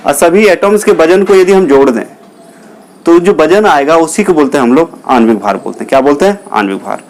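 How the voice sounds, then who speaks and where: Male teacher, somewhat high pitched, explaining step by step and repeating key words. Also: expressive, brisk, darkish tone. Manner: asks questions then answers them himself, repeats key terms; calls listeners children. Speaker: chemistry teacher. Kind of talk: classroom lecture.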